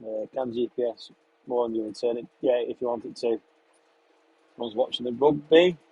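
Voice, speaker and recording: Young man, husky, mid pitch; easygoing live-stream chat from a tractor cab, answering viewer questions. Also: fairly quick, lo-fi sound. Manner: relaxed, chatty, answers questions between running commentary on the job. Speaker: farm contractor live-streaming while spraying a field. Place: inside a tractor sprayer cab, in a field.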